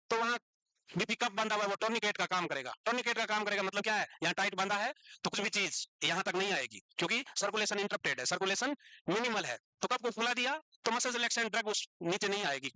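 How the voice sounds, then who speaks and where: A man teaches psychiatry, dictating notes word by word and scolding students gently for writing too slowly. His voice is high and very bright, recorded close and dry. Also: no echo, poor audio. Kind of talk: dictating a psychiatry class lecture.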